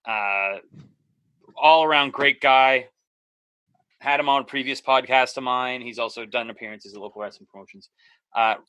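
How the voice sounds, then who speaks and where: Chatty Canadian man, bright dry podcast voice. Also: mid-range voice, no room sound. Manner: chatty, rambling with fillers. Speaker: podcast co-host. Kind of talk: casual chat.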